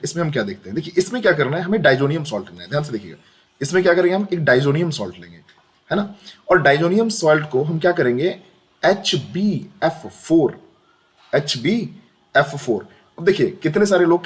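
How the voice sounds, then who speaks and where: Chatty Hindi chemistry teacher, higher voice. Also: male voice. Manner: chatty, repeats questions to students, frequent "dekhiye". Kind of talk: screen-recorded lesson.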